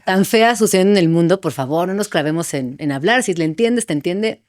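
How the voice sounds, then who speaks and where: Woman adding quick remarks, dry sound. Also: on the low side, lively intonation, darkish tone, no echo. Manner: quick agreeing interjections. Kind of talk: casual chat.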